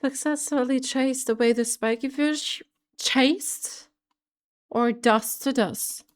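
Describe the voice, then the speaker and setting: A woman giving casual game reaction commentary, thinking aloud in a halting, musing way. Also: sits high, steady tone. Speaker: streamer. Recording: game music behind the voice.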